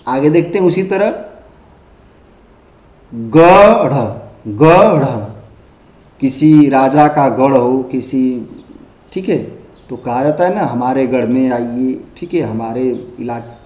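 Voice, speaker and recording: Man teaching grammar, super slow and patient, keeps repeating stuff, echoey classroom sound. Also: medium pitch, mellow. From Uttar Pradesh, India. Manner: patient, repeats words and checks with "ठीक है". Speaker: school teacher. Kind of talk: Hindi grammar lesson.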